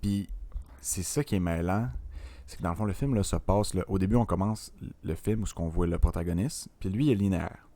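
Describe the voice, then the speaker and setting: A young man with a Quebec French accent, co-hosting a casual film podcast, animated and full of fillers, dropping in English words. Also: low voice, brisk. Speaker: podcast co-host.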